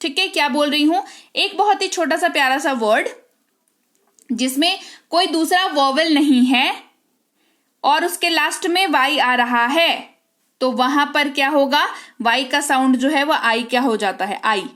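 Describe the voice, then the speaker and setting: A woman's voice: sits high, measured pace, a bit bright. A woman teaching English spelling rules, spelling words out letter by letter and checking in with the class through frequent rhetorical questions. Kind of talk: spoken English lesson in Hindi.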